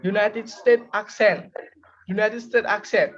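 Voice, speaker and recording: A young woman giving a class presentation, pausing and correcting herself often. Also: medium pitch, fairly even intonation, dull audio. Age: young adult. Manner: hesitant, self-correcting. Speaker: student presenter.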